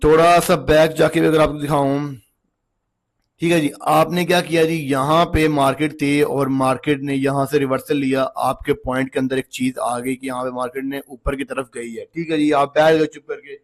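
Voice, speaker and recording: A man with a slightly hoarse voice from long talking, giving a casual, chatty trading lesson while walking through a chart on screen and checking in with the viewer often. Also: mid-range voice, level tone, normal speed. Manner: chatty, repeats checks like "okay ji" and "look". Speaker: trading instructor.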